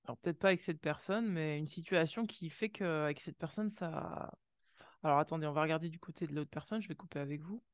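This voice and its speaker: A woman's voice: deep voice, fairly quick, no room sound. A woman doing an intuitive oracle card reading, talking straight to viewers with frequent gasps of "wow" and little sound effects. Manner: exclamatory, lots of gasped wows and sound effects; speaks directly to viewers in warm second person.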